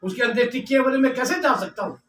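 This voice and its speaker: A man's voice: very high voice, fast, a bit bright, slight background noise. A man doing a god disguised as a cunning priest. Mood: persistent. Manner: persistent, teasing. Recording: echoey room, distant mic.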